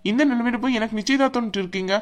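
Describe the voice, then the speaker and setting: Woman doing a quick, firm young son. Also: on the high side, natural voice. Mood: firm, caring. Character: dutiful young adult son, caring and firm.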